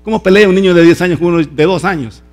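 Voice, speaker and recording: A man preaching a sermon as pastor, emphatic and lively, acting out voices from the story. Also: high voice, fast talker, soft background music.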